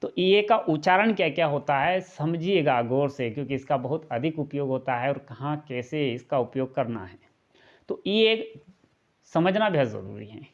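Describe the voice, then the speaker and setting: This classroom-style video lesson features a man with a highish, expressive voice at normal speed teaching English pronunciation. He goes step by step with patience, repeating every point and posing rhetorical questions. The sound is lo-fi.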